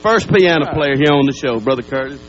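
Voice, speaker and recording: A man, introducing guests on a live TV show as a brisk, chatty emcee. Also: medium pitch, animated. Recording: dull lo-fi broadcast tape with hum.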